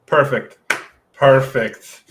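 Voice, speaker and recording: A man's voice: mid-range voice, animated, drawn-out words, slight background noise. A man playing a tabletop game, talking in casual in-game banter.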